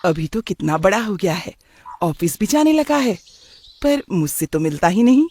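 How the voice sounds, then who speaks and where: A doting middle-aged aunt in a cartoon story, as a man puts her on. She speaks in an affectionate, mildly complaining way with a high voice. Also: lively intonation, moderate pace, darkish tone. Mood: fond. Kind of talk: cartoon voice acting.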